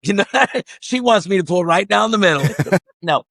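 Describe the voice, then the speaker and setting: A man's voice: high-pitched, animated, moderate pace, creaky, fairly bright tone, no room sound, studio quality. A man guest who co-owns a harness business, chatting casually, joking and chiming in to finish his partner's sentences. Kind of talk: casual chat.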